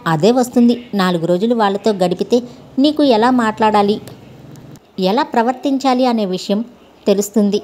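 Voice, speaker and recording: A woman's voice: medium pitch, darkish tone, lightly acted. A woman reading a storybook voice for a shy young housemaid who speaks timidly about her worries. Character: shy young village housemaid, anxious bride-to-be.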